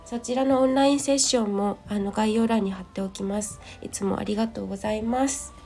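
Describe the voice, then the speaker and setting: A woman with a hoarse, gravelly just-woken voice, hosting a casual solo audio diary in a polite, rambling way, thinking aloud. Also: medium pitch, steady tone, fairly quick, warm tone, soft background music. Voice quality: gravelly, croaky morning voice. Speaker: host of a personal audio show and tea and clay teacher. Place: at home. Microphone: smartphone.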